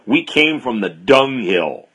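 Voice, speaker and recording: A man's voice: medium pitch, very animated, slow pace, fairly bright tone, husky. A man preaching an expository sermon, reading scripture aloud with bold, emphatic stress.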